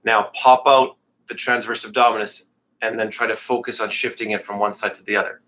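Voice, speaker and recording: A man's voice: lowish voice, flat delivery, a little fast, pushed and bright, slight background noise. A man teaching a live yoga class, talking students through breathing cues in a casual, joking way and a bit out of breath. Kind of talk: live online class instruction.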